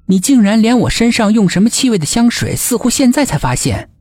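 A woman's voice: on the high side, sing-song, fairly quick, darkish tone, no room sound, soft background music, pitched above the performer's own voice. A man putting on a teasing young policewoman. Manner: teasing, sarcastic.

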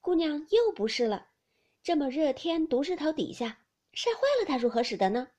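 A woman doing a brisk, teasing young maid. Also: high voice, expressive, warm tone, pitched above the performer's own voice. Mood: chiding. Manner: brisk, teasing, scolding kindly. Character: cheerful outspoken young maid.

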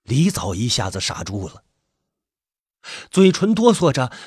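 Husky man narrating a suspense story. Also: mid-range voice, huge pitch swings, unhurried, no room sound, studio quality.

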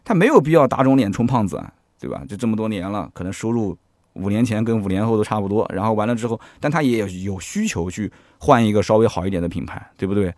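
A man hosting a podcast in casual chat, animated and chatty, often asking his listeners "right?". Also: on the low side, fast talker, dry recording, clean studio sound. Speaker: podcast host.

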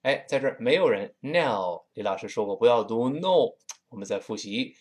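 Brief: man, Tianjin accent, English teacher, animated pitch, drills words slowly. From Tianjin, China. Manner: lively, slows down to drill pronunciation. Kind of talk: spoken English lesson.

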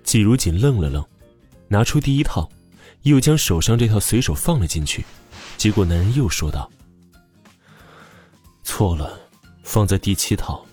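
A man narrating an audiobook drama with expressive storytelling. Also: on the low side, moderate pace, faint music behind.

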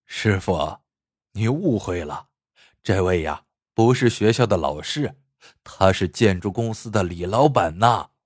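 A man's voice: low voice, expressive, unhurried, slightly rough, no room sound, clean studio sound, pitched below the performer's own voice, exaggerated voice. A man doing a hearty, kindly school principal. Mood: genial. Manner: hearty, chuckling, reassuring. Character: jovial, kindly middle-aged male school principal.

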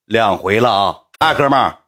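A man's voice: fairly low pitch, expressive, normal speed, fairly bright tone. A young man with a Northeastern Mandarin accent, telling a casual anecdote in a blunt, colloquial way. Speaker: storyteller.

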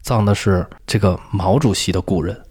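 A man's voice: low-pitched, moderate pace, a little mellow, breathy edge. A man with a Beijing accent explaining things in casual talk as a feng shui expert, emphatic, repeating phrases and answering his own questions.

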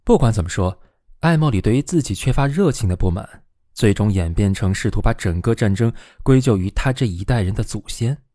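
A man narrating a novel as an audiobook reader, reading in an expressive, steady way. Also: on the low side, brisk, dry recording, clean studio sound. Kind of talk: scripted narration.

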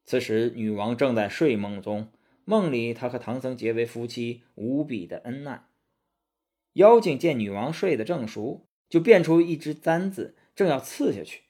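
A man narrating a storybook tale with animated, dramatic delivery. His voice is husky and rises and falls lively with the action. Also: mid-range voice, moderate pace.

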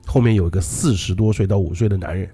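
Fast-talking man with a husky voice. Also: sits low, dark tone. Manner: chatty, laughs often, retells stories loosely. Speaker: podcast co-host. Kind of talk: casual chat, retelling listener horror stories.

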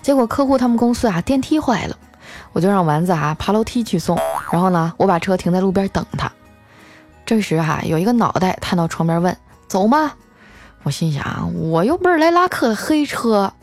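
Woman host telling a funny story, chatty, lots of little fillers, soft music under it. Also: lowish voice, brisk. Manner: lively, chatty, many filler particles. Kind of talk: comic storytelling.

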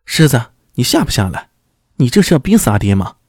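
Man playing a furious father, gruff, dark husky voice, deep and loud, dry sound. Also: big pitch swings, a little fast, no echo. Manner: gruff, lowered, shouting threats. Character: furious proud middle-aged father, blustering.

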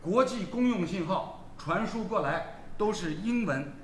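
A man's voice: high-pitched, a little slow, roomy sound, slight background noise. A man with a Shanghainese accent, a sports commentator hosting a casual chat in a restaurant, laughing often as he tells stories. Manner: animated, laughing often, storytelling. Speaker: sports commentator and show host. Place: seafood restaurant.

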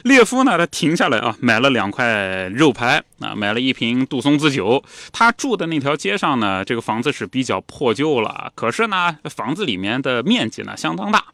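Animated male storyteller, bright voice. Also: mid-range voice, normal speed, hardly any pauses, dry recording. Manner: animated, chatty, acts out the story. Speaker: podcast co-host narrator. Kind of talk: storytelling history podcast narration.

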